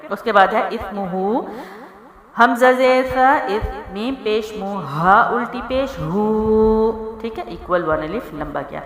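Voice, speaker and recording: A woman teaching tajweed rules, spelling out letters and vowel marks and drawing out the recited words slowly, often asking if her listeners follow. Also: lowish voice. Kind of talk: tajweed lesson. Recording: echoey room with long reverb.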